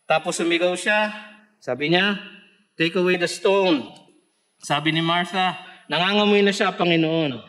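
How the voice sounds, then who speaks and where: A man with a Filipino accent preaching a sermon, mixing Tagalog with English scripture quotes and swelling into emphatic shouts. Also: high voice, measured pace, long pauses. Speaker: pastor. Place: church.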